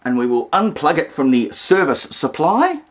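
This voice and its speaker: This vintage radio testing presenter has a slightly high voice with big pitch swings and a moderate pace. He gives a casual, hands-on demonstration, rambling through explanations full of asides and alternative terms.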